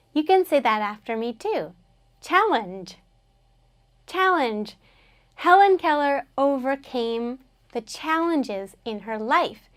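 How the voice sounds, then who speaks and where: A woman teaching an English lesson, patiently explaining words and having learners repeat them after her. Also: a little high.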